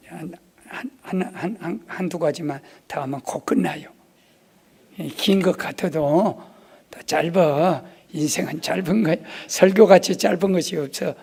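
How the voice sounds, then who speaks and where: A man preaching a revival sermon in a church, dropping to hushed asides and rising to loud exclamations. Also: sits high, creaky, husky. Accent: Korean. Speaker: pastor. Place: church sanctuary.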